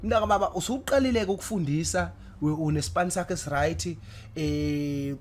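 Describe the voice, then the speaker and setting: Zulu male interviewer, higher-pitched, faint noise. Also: brisk. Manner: repeats phrases emphatically. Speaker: interviewer, host. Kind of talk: casual conversational interview.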